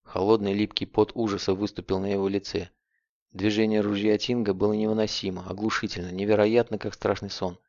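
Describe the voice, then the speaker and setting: A man narrating an audiobook in a steady, grave storytelling manner, on a dull lo-fi recording. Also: fairly low pitch, a little fast, dry recording.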